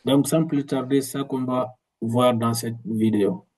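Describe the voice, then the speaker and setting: Slow, mellow-voiced male language teacher. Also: mid-range voice, fairly even intonation, poor audio. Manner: slow, repetitive explanations with frequent restarts. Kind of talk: video lesson.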